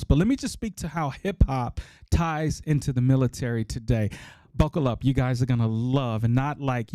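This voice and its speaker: A man's voice: medium pitch, dark tone, no room sound, studio quality. A middle-aged man hosting a podcast, talking casually and emphatically to listeners, repeating key points for effect. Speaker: podcast host.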